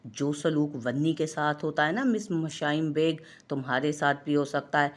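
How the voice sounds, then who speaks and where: A woman's voice: low-pitched, normal speed, close to an everyday voice. A woman narrator voicing an arrogant, threatening young man who speaks in a commanding way.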